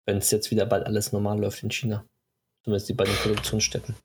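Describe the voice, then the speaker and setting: A man's voice: lowish voice, completely flat delivery, fast, noisy background. A man co-hosting a casual podcast chat, talking with frequent hesitations and fillers. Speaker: podcast co-host.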